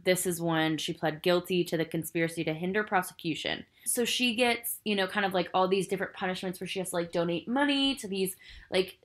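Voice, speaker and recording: With a lowish, slightly bright voice, this podcast host chats through a casual film review. Her talk rambles, packed with "like" and "I think," and she comes across as earnest and emotionally caught up in her descriptions.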